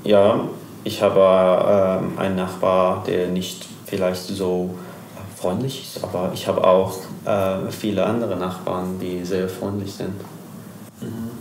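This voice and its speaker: Podcast guest: young man, Persian accent, halting German, slow and lowish, roomy echo. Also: flat delivery, creaky, darkish tone, slight background noise. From Iran. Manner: hesitant, searching for German words, many fillers. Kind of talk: interview.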